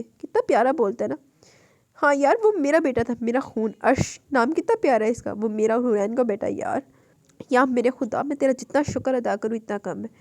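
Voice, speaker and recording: A woman reading aloud, voicing a young father overcome with joy and gratitude, speaking in a rushed, rising voice. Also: a little high, warm tone, no echo, close to an everyday voice. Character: overjoyed young father, tearful and loud.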